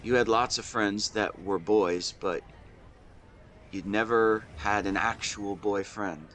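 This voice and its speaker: A man with a lowish, slightly bright voice plays a lovestruck 24-year-old confessing his love to his best friend in an intimate romantic audio drama. He speaks earnestly and tenderly in halting phrases, with a nostalgic, gentle mood. Seaside boardwalk ambience plays faintly behind him, with slight background noise.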